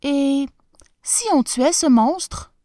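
A woman's voice: high voice, very slow, dark tone, no echo, clean studio sound, voice pushed up. A woman voicing a bold, eager young prince, earnest and impassioned.

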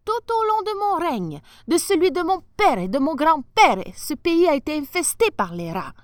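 A woman voicing an excitable old male sultan who speaks grandly and exclaims loudly. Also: sits high, moderate pace, dry recording, studio quality, pitched above the performer's own voice. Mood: exclaiming grandly.

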